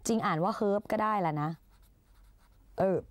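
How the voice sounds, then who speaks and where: A woman's voice: mid-range voice, measured pace, no echo. Woman tutor, chatty and playful, big-sister tone, dry close sound. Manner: chatty and playful, calls herself big sister, coaxes students. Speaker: English tutor. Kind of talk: Thai exam-prep lesson.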